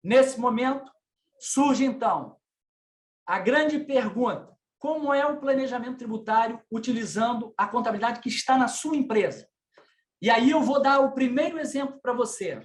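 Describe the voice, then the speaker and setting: In an echoey room, a middle-aged man with a Brazilian Portuguese accent and a very high voice lectures business owners on tax matters at a normal pace. His teaching is didactic, and he speaks to listeners directly, posing rhetorical questions.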